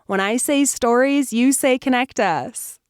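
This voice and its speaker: A woman narrating a children's campfire story, soothing and slow, with whispered parts and call-and-response. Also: high voice, smooth, no echo, studio quality.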